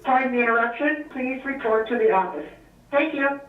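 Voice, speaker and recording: High woman's voice over a school intercom. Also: brisk. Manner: polite, brief announcement. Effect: school intercom announcement over a loudspeaker. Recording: tinny echoey loudspeaker from far off.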